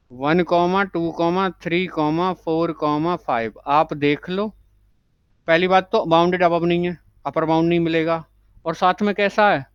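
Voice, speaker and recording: A man teaching maths in a classroom lecture, asking the class short check questions and reading English terms out slowly. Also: fairly high pitch, smooth, no echo, muffled recording.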